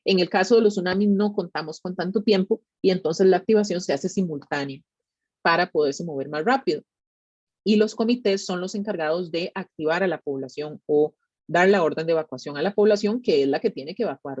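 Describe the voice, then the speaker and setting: A woman's voice: fairly low pitch, darkish tone, dry recording. Costa Rican woman presenting, dull dry audio. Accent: Costa Rican Spanish. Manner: conversational, checks in with tag questions. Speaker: tsunami monitoring specialist giving a public talk. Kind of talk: explanatory educational presentation.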